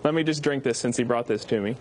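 A man's voice: medium pitch, fast, a little hiss or hum. A man presenting TV weather live, chatting wryly off the cuff. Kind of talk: wry off-the-cuff live chat. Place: TV studio.

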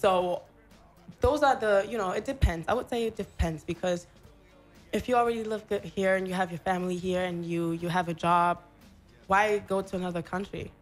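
A woman's voice: on the low side, fairly even intonation, faint music behind. Chatty young woman guest. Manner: chatty, quick to chime in. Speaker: guest blogger. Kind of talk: casual podcast conversation. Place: small radio studio. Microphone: studio mic with headphones.

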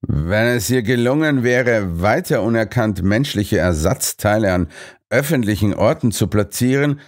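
A man's voice: on the low side, lively intonation, unhurried. A man voicing an impatient male politician who grumbles and whines sulkily. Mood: grumbling. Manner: whiny, sulky.

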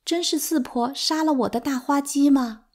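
A woman's voice: high voice, moderate pace, a little mellow, voice pushed up, close to an everyday voice. Woman doing a pleading little girl. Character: little girl, eager and tearful.

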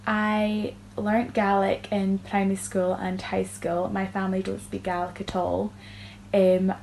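A young Scottish Highland woman talks informally to camera. Her delivery is even and creaky, over a faint hum. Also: low-quality recording. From Fort William, Scotland. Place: indoor room.

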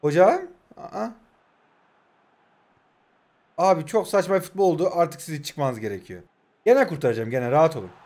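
A man in his twenties from Turkey talks over his own football match, joking and teasing as he plays. His voice sits high for a man, and he swings between muttering to himself and excited outbursts to viewers. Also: fast talker, a little hiss or hum. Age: 20s. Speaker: gaming YouTuber. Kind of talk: live gameplay commentary.

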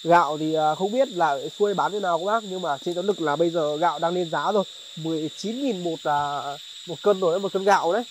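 A man hosting a charity vlog outdoors in a highland village, talking politely to viewers with many fillers. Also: quick pace, a little hiss or hum, poor audio. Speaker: charity vlogger. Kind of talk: vlog narration and chat on location.

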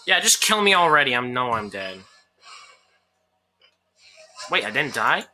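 A woman's voice: extremely low pitch, big pitch swings, a little slow, bright, forceful tone. A woman doing goofy let's-play commentary on a game, rambling jokes and laughing often. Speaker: gameplay YouTuber.

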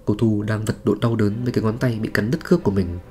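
A man with a fairly low voice narrates a horror story in a dramatic, suspenseful way. Faint music plays underneath his scripted storytelling. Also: fairly even intonation, quick pace, warm tone.

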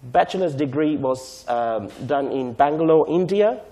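Lecturing at a conference podium mic in a large hall, a Sri Lankan-born man in his thirties uses a fairly high, expressive, warm voice at a measured pace. He leans on key words and keeps asking "right?"

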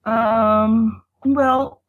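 A woman's voice: fairly high pitch, steady tone, very slow, no echo, phone-quality sound. A woman from Venezuela, calling in to a talk show and speaking politely and earnestly. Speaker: caller. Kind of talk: phone-in conversation.

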